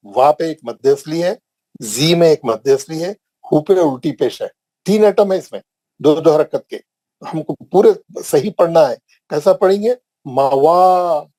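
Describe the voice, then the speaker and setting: A middle-aged Indian man with a Hyderabadi accent teaches Quran recitation online, slowly stretching out and repeating drill words for his students. His voice is fairly high and mellow, and the audio is poor though echo-free.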